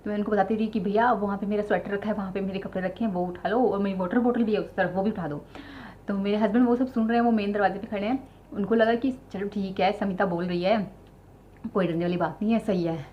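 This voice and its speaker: A woman's voice: mid-range voice, fairly even intonation, fast talker, a little hiss or hum. Chatty young woman telling her story. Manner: chatty, addresses viewers directly, many fillers. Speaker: vlogger sharing her childbirth story. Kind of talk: casual personal storytelling. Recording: slightly dull lo-fi sound with faint ambience.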